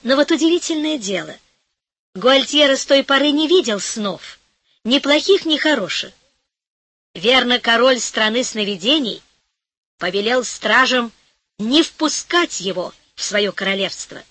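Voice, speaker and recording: Lady reading a folk tale audiobook, highish voice, dry recording, storyteller vibe. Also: expressive, measured pace, fairly bright tone, no echo. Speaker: audiobook narrator. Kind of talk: scripted fairy tale narration.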